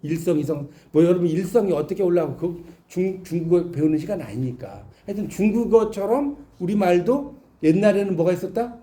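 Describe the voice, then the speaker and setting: A man's voice: high voice, expressive, a little fast, mellow. A man giving a classroom lecture, explaining with examples and asking his students questions. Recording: echoey classroom.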